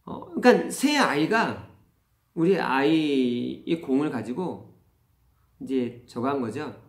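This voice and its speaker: Middle-aged man, father, earnest confessional storytelling, lively rising and falling pitch, roomy echo. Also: takes it slowly. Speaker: parenting channel host, father. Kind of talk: personal storytelling talk on parenting.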